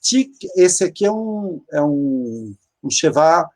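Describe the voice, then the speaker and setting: A Hebrew teacher giving an online grammar lesson. The teacher often stops to search for words and explains each step slowly. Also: mid-range voice, big pitch swings, a little mellow. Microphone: video call.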